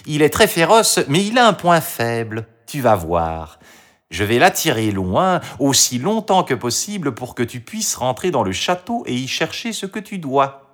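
A man plays a sly but helpful fox from a storybook, lively and persuasive. The voice sits well above his own and bounces around. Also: on the high side, normal speed, voice pushed up. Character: clever helpful male fox, sly and warm.

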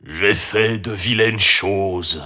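Sad, gentle storybook dragon, low and slow, begging forgiveness, read by a man. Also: animated, husky, heavily acted. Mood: lonely, remorseful. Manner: sad, pleading. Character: lonely locked-up male dragon, remorseful and gentle.

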